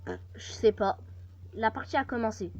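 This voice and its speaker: A woman hosting a gaming video, commenting casually and reading game text slowly with hesitant fillers, in a muffled lo-fi recording. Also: on the high side, a little mellow.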